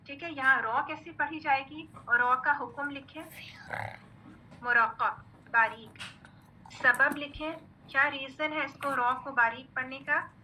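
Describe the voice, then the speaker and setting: A high, very bright-voiced woman leads a recitation lesson, patiently sounding out each letter and checking understanding. A faint hiss sits under her voice. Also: low-quality recording. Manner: patient, repeats "theek hai" often; drills letter sounds slowly. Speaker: Quran recitation teacher. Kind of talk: online tajweed lesson.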